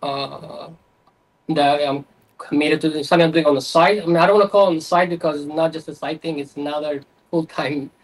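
A man's voice: fairly high pitch, fairly even intonation, brisk, poor audio. Hesitant man in his thirties from Albania. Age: 30s. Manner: hesitant, many fillers. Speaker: guest, playing card designer. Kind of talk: casual interview. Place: small room with playing cards on a desk.

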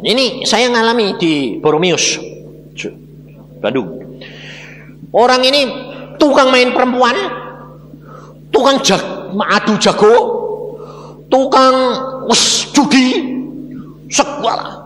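A man with a Javanese-tinged Indonesian accent preaching a lively testimony sermon, acting out the dialogue and addressing listeners as brothers and sisters. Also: very high voice, slow, long pauses, a little hiss or hum. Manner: animated storytelling, acts out dialogue, addresses listeners as saudara. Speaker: evangelist preacher. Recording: reverberant hall with faint ambience.

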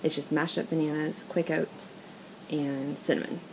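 Here a woman vlogger from America talks in a low, flat voice at a moderate pace, casually narrating a haul as she films her things with a phone or handheld camera. Clicks and noise run through the amateur recording.

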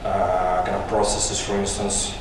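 In a low, monotone and unhurried voice, a man in his thirties presents at a tech conference in English, his native language being Russian, with frequent fillers and restarts. He holds a handheld mic in a large conference room while a distant camera records. The hall echoes and the noisy audio sounds far off.

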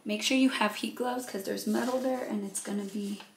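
A woman hosting a craft video, explaining each step in a relaxed, thinking-aloud way and a bit out of breath. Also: medium pitch, moderate pace, a little hiss or hum. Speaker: crafting channel host. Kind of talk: casual how-to narration.

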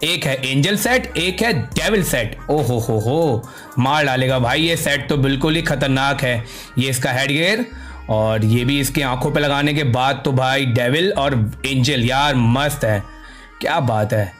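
A man giving casual gaming commentary, excitable and slangy with repeated exclamations. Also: mid-range voice. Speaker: gaming content creator. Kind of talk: casual game skin showcase commentary.

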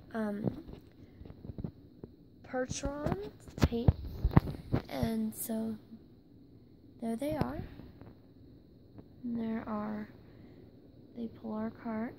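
A young woman casually narrating a tour of her toy horse barn, halting as she lists the names and sometimes dropping to a whisper. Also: a little high, very noisy. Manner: halting, stops to list names, drops into whispers. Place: indoor room with toy barn on carpet.

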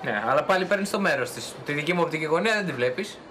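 A man's voice: on the high side, lively intonation, a bit bright, slight background noise. Defensive man in a marital spat. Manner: defensive, dismissive. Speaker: husband in a TV drama. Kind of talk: acted TV drama dialogue.

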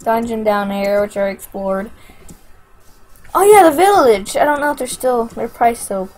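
A woman's voice: fairly high pitch, moderate pace, poor audio. A woman playing a survival video game, swearing freely and thinking aloud as she plays. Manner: profane, excitable, thinking aloud. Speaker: gamer. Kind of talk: let's play commentary.

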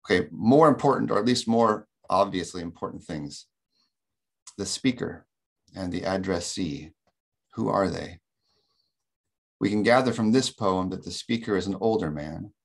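A man giving an academic lecture in a webinar, explaining in a measured, thoughtful way with frequent ums, heard over a video call. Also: deep voice, vocal fry. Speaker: webinar presenter.

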